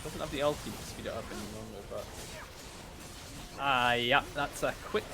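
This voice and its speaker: Tired man calling an esports match. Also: moderate pace. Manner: excitable, pitch jumps on big plays. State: tired, yawning. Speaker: esports caster. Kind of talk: live esports play-by-play commentary.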